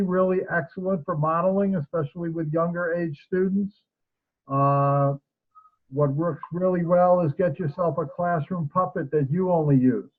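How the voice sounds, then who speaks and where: A man leads an online class in a relaxed, chatty way, laughing easily between points. His voice sits a little high for a man. It comes through a thin, tinny video call line. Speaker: instructor.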